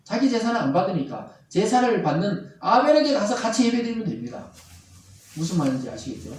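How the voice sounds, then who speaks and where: Echoey pastor preaching. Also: male voice, sits high, a little hiss or hum. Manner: animated preaching, acting out angry quoted voices. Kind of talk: sermon. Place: church sanctuary. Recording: very echoey hall, from far off.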